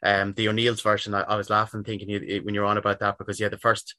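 A middle-aged man with a west of Ireland accent speaks in a fairly low voice, close and dry. He talks in a chatty, rambling way, doubling back on his phrases as an interview guest would. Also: monotone, fast, sharp tone, no echo. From Sligo, west of Ireland. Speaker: interview guest, football jersey collector. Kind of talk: casual conversational interview.

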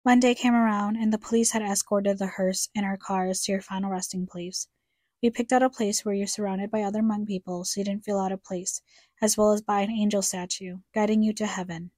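Young woman narrator for a grief podcast: mellow, dry close voice, reflective and somber. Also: medium pitch, fairly even intonation, fairly quick, no room sound. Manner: somber, reflective, addressing her late mother. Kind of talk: scripted personal narration.

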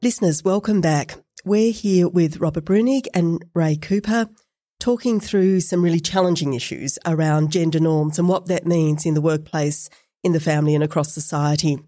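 A woman hosting an academic discussion podcast, speaking in a measured, thoughtful way. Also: low-pitched, warm tone, no echo, studio quality. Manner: measured, thoughtful, some fillers. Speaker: podcast host.

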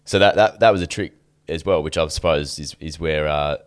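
A man's voice: a bass voice, brisk. A man with a broad Australian accent hosting a podcast in a blokey, laid-back, slangy, chatty way. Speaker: podcast host. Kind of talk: casual chat.

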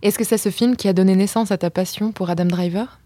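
A woman podcast host putting friendly, measured questions to her guest. Her voice is mellow and warm, recorded dry and close with no room sound. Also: mid-range voice, steady tone, no room sound. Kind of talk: interviewing a guest.

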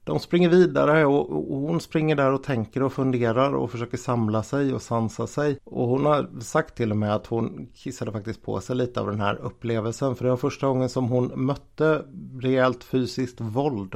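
A man's voice: mid-range voice, fairly even intonation, creaky, hardly any pauses, darkish tone. A man narrating a true story in a casual, conversational way. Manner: conversational, with fillers and restarts.

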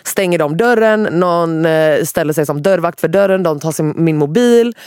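A young woman telling a wild story in casual podcast chat. She is animated, swears a lot and often drops English phrases into her talk. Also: sits low, clean tone, dry recording, studio quality.

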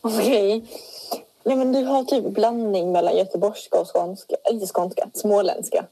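A woman's voice: medium pitch, fairly even intonation, warm tone, slightly rough, dry recording, rough recording. A young woman with a Scanian accent chatting casually as a podcast co-host, teasing her friend. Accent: Scanian Swedish. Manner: teasing, quick to poke fun. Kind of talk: casual chat.

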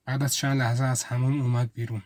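A man's voice: medium pitch, little pitch movement, a little mellow, slight background noise. Man narrating an intimate inner monologue. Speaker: storyteller and writer. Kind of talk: first-person story narration.

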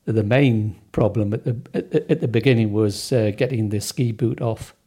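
A middle-aged or older man with a soft Sunderland accent, recalling things hesitantly as an interview guest. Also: on the low side, normal speed, husky. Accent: softened Sunderland. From North East England, Sunderland area. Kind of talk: casual recollection in an interview.

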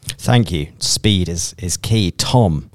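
Deep dry-voiced male podcast host. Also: lively intonation, slow, no echo. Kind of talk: podcast panel moderation. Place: London.

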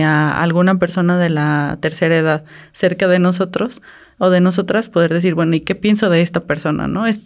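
A woman's voice: lowish voice, a little mellow. A woman, co-hosting a casual podcast and reflecting aloud with questions. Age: 30s. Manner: reflective, asks herself questions. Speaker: podcast co-host.

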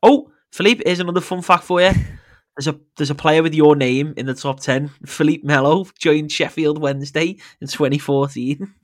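Brief: man, podcast host, slightly high voice, chatty, quick to laugh, quizzing his co-host. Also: fairly even intonation. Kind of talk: casual football podcast chat.

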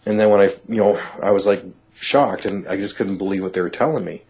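A man with a low, husky voice tells a personal story in conversation. He stumbles, restarts and fills gaps with "you know", and his voice climbs when something amazes him. The audio is dull and lo-fi. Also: fairly quick. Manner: excitable, rising when amazed. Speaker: interview guest.

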